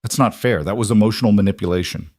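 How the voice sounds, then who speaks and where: Guy doing a composed businesswoman, dry and teasing, low dry voice. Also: quick pace, a little mellow, no room sound, natural voice.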